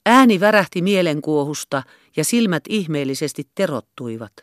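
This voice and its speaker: A woman reading a classic novel aloud as an audiobook narrator, in a steady, even storytelling manner. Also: deep voice, no room sound, clean studio sound. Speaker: audiobook reader.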